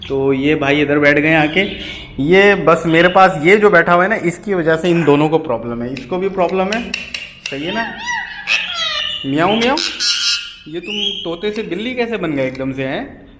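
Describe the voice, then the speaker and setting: A chatty man with a somewhat high voice narrates a casual vlog among his birds, coaxing them as he talks. The recording comes from a handheld camera and sounds echoey, with loud bird noise and clicks behind him. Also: lively intonation, normal speed. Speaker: vlogger showing his pet birds. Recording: echoey, noisy aviary recording.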